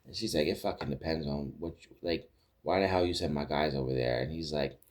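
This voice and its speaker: A man's voice: a bass voice, brisk. A man hosting a podcast, casually retelling TV episodes in a rambling way with many restarts and acted-out quotes. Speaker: podcast host recapping TV episodes. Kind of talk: casual recap chat.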